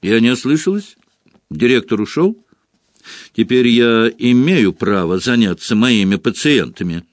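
A man's voice: mid-range voice, lively intonation, a little slow, dry recording, clean studio sound, natural voice. A man voicing a stern, fussy female school nurse in an indignant, scolding manner.

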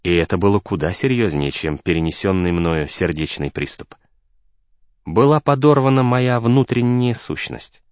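A tranquil, wise man speaking slowly and softly in a storybook, his voice sunk very low, as a male narrator puts him on. The tone is measured and unhurried. The sound is dry and close. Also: animated, dry recording. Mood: calm. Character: calm, serene middle-aged man, renewed and wise.

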